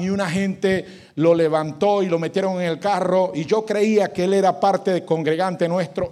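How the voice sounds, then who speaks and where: Male pastor with a high voice and an unhurried delivery, leading a congregation in loud call-and-response and then telling a story. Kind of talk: sermon.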